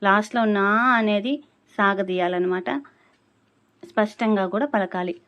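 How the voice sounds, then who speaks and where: Female chant teacher, mid-range voice, patient and deliberate, stretches syllables to demonstrate. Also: mid-range voice, fairly even intonation, highs cut off. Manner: slow, carefully drawn-out syllables when demonstrating; patient explaining tone. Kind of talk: spoken lesson on pronouncing a chant.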